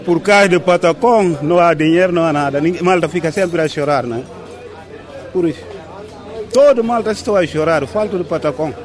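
A man's voice: on the high side, quick pace. A man, a bicycle repairer answering street interview questions plainly, often asking "não é?". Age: 60s. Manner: plain-spoken, repetitive, often asks "não é?". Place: busy outdoor market. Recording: loud market crowd behind.

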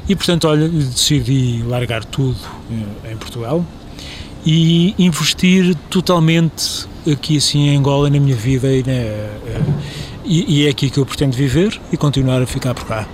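A man's voice: medium pitch, normal speed, slight background noise. A man in his forties, an artist, talking in an interview and searching for words as he goes. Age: 40s. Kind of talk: interview talk.

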